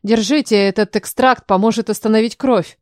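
A woman's voice: on the high side, steady tone, normal speed, no room sound, clean studio sound, natural voice. A woman voicing a fussy, nervous court healer. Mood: businesslike. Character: male court healer, nervous yet businesslike.

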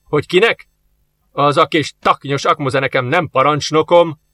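Man doing a scornful gruff soldier. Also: fairly high pitch, lively intonation, sharp tone. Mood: insistent. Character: gruff scornful male soldier, mocking and angry.

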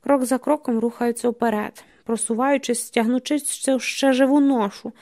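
A woman reading literary prose aloud, steady and measured with tense dramatic emphasis. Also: fairly high pitch. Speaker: audiobook narrator. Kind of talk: scripted literary narration.

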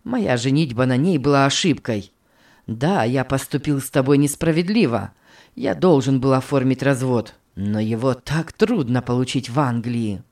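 A woman's voice: a bass voice, normal speed, a little mellow, voice pushed down. A woman voicing an anguished married man begging his young lover to take him back, in a read-aloud story. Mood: pleading. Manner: pleading, wheedling.

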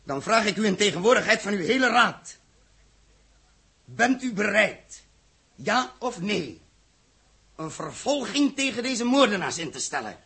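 Urgent and demanding, a male actor in a 1960s Dutch radio drama portrays an indignant space captain confronting the government with impassioned, rhetorical accusations. The exaggerated voice is high, with big pitch swings and a measured pace, creaky and sharp with a breathy edge, broken by long pauses.

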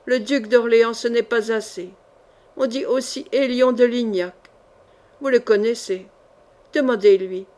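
A woman's voice: on the high side, steady tone, measured pace, warm tone, close to an everyday voice. A woman reading the lines of a proud, scheming queen in a haughty, scornful manner for an audiobook.

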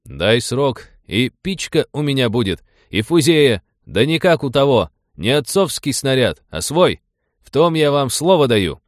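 A man doing a wry, calm peasant cossack. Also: mid-range voice, a little slow, dry recording, voice pushed up. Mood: steady. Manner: dry, mocking retorts.

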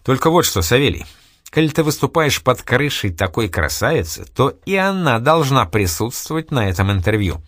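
Man voicing a hearty general, exclaiming, lively swinging pitch, audiobook. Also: normal speed, no echo, studio quality. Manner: exclaiming, effusive. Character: hearty warm-hearted army general, older brother.

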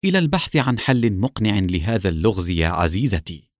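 Man doing a steady captain, low, firm and measured, dry sound. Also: dry recording. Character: calm, resolute male intelligence captain.

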